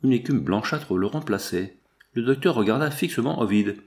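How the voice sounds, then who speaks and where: A man narrating a 19th-century novel in a measured, even reading. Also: mid-range voice. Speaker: audiobook narrator.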